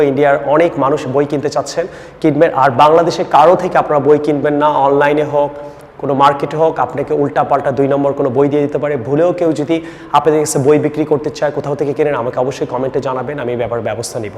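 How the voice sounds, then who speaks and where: A man with a Bangladeshi accent teaching a spoken English lesson, drilling example sentences slowly between explanations. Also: a little high, steady tone, darkish tone, long reverb tail.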